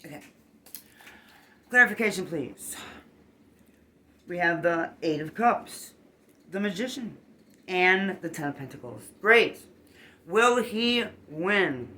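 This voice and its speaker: A bright, sharp-toned tarot reader talking casually to the camera, animated and rambling. Points are punched with a quick "boom" or "okay?", and the speaker gets emotionally worked up, with a faint hum of ambience underneath. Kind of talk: casual tarot reading monologue.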